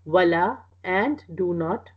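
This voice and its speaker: Husky woman teaching, muffled recording. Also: fairly low pitch, lively intonation, takes it slowly. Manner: explains patiently with many fillers and restarts. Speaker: Quranic Arabic teacher. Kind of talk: explaining a lesson.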